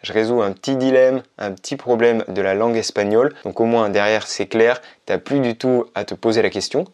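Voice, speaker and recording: Low-voiced man teaching a Spanish lesson. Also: a little mellow. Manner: clear, patient explanations with slow repeated examples. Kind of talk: scripted lesson to camera.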